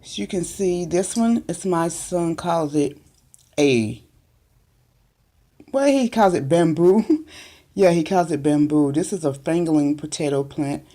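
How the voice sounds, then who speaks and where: A woman's voice: on the low side, lively intonation, a little slow, long pauses, warm tone. A woman giving a casual home video tour of her small greenhouse, chatty and meandering, with many ums, recorded on a handheld phone. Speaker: gardening vlogger. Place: small makeshift greenhouse, indoors.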